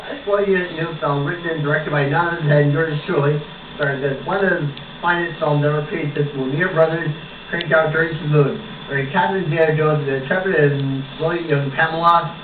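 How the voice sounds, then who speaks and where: A man's voice: a little high, fairly even intonation, fairly quick, close to an everyday voice. A man voicing a boastful, starstruck young female puppet in an amateur comedy puppet show, talking in a showy, self-promoting way. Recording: muffled, noisy, echoey room from far off.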